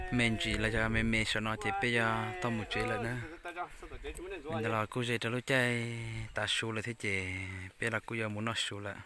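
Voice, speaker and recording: A man's voice: lowish voice, background noise. A man vlogging outdoors near a stream, chatting casually as he explains what he is doing. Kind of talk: casual talk while working.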